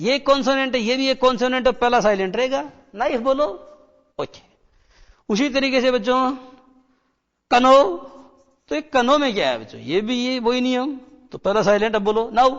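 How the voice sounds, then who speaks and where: A male teacher giving a classroom lecture, repeating key words, quizzing the children and slowing down to read English lines. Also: extremely high pitch. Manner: slows right down when reading English lines. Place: broadcast studio. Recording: dull sound with long hall reverb.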